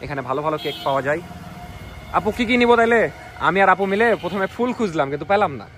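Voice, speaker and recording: Young man, quick chatty vlog talk, a bit high. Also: animated, slight background noise. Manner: quick chatty, drops to a hush indoors. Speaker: vlogger. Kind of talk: casual vlog narration.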